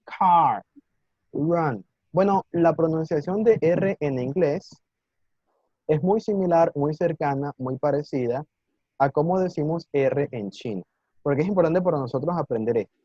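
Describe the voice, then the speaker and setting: A patient, encouraging man leads a live online Mandarin lesson, pausing often to check that his students follow along. His voice is dark and mellow, with a fairly high pitch for a man. It comes through as dry, dull call audio with no room sound. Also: no echo. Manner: patient, encouraging, explains slowly with many "¿sí?" checks; sounds out Mandarin words slowly and clearly. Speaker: Mandarin teacher. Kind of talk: live online language class.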